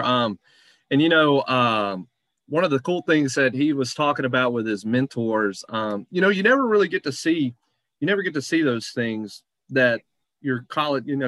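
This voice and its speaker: A man hosts a sports show in a medium-pitched voice with very little room sound. His talk is casual and conversational, wandering loosely from thought to thought. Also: fairly bright tone, no room sound. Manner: rambling, conversational.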